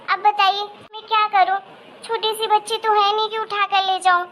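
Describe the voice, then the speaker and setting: A woman's voice: very high voice, little pitch movement, moderate pace, bright, forceful tone, slight background noise. A woman voicing a cruel, two-faced young daughter-in-law who talks in a sneering, bossy way in a family drama. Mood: fake sweet. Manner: sneering and bossy, turns sweet and whiny before her husband. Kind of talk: amateur Hindi family-drama acting.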